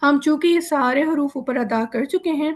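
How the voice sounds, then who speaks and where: A woman teaching Quran reading in a slow, clear lesson, sounding out syllables one by one and patiently explaining the rules step by step over a video call. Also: sits high.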